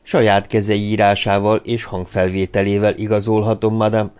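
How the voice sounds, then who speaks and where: A man reading a stern, guarded gentleman. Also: lowish voice, level tone, smooth, lightly acted. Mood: formal. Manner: formal and cool. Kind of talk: audiobook dialogue reading.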